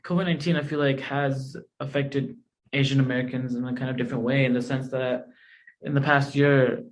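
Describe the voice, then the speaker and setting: A man's voice: mid-range voice, fairly even intonation, fairly quick, poor audio. A young man hosting a podcast interview, affirming his guest and asking long questions. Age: young adult. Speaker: podcast host.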